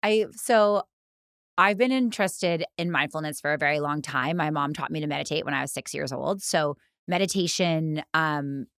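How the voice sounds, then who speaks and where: A woman's voice: deep voice, normal speed, fairly bright tone, clean tone, no echo. A woman co-founder of a fitness studio, talking in a casual, reflective way with many fillers. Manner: reflective, speaks in long flowing thoughts with many "like" fillers. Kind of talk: casual conversation.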